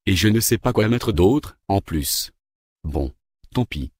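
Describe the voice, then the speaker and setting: An impatient, grumbling government minister, voiced by a man in a storybook reading. His voice sits low and the recording is dry and close. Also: animated, slow, a little mellow, no echo. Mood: irritated. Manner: grumbling, irritable. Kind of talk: read-aloud story dialogue.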